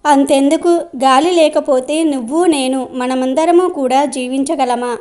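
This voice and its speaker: Give me a flattering old sage, read by a woman, high-pitched, faint music behind. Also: unhurried. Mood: coaxing. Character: wandering old male sage, sly flatterer.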